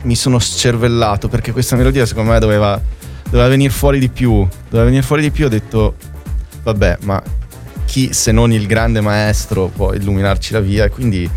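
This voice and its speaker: A man's voice: lowish voice, steady tone, a little fast, a little mellow, soft background music. A man from Italy speaking as a guest musician in a casual interview, often checking with little tag questions.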